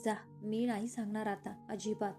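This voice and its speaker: A woman's voice: medium pitch, little pitch movement, moderate pace, dark tone, faint music behind, lightly acted. A woman voicing a playful, affectionate young woman in a romantic audio story.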